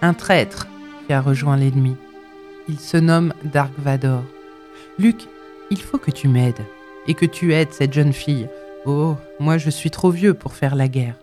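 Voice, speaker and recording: A man voicing a calm, wise old warrior mentor in a storybook reading, speaking low and gravely. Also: measured pace, faint music behind, natural voice.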